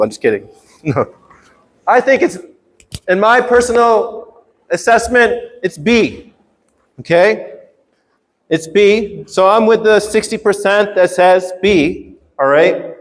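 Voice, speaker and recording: A man teaching English in a casual, playful workshop style, often checking in with his students as he explains. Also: sits high. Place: large reverberant room at a university workshop. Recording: echoey hall with long reverb.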